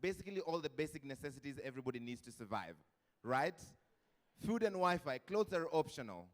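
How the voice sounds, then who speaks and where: A man's voice: fairly high pitch, sing-song, fairly quick. A man with a Kenyan accent hosting a live event, chatty and joking, mixing Swahili into his English. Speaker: event host. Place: event hall with a live audience. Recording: long hall reverb.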